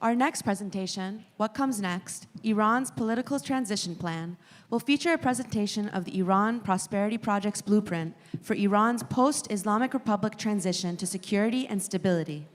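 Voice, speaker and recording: A woman's voice: medium pitch, brisk. A woman making a scripted stage announcement as a conference announcer, introducing the next presenter. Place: conference hall. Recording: reverberant hall PA.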